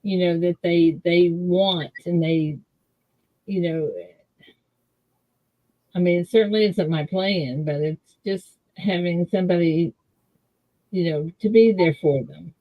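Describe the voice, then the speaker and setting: A woman co-hosting a casual video-call chat, her voice muffled as if heard through a wall, slow and rambling. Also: fairly low pitch. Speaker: livestream co-host. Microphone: computer mic on a video call.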